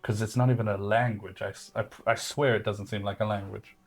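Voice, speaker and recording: A man's voice: fairly low pitch, steady tone, fairly quick. A man playing his character in a tabletop game, talking in a rambling, hesitant way with many fillers. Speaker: player. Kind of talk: in-character tabletop role-play.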